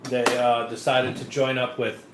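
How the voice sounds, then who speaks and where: A man's voice: medium pitch, level tone, unhurried. Man, casual beer review co-host, rambling with fillers, echoey room, faint hiss. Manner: rambling, many fillers and restarts.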